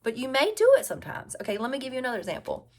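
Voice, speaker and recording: A woman's voice: sits high, wildly swooping pitch, very fast, slight background noise. A woman in her forties with a Southern US drawl, giving casual, conversational advice as a health coach and repeating key phrases for emphasis. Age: 40s. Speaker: health and weight-loss coach. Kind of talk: casual advice talk to viewers.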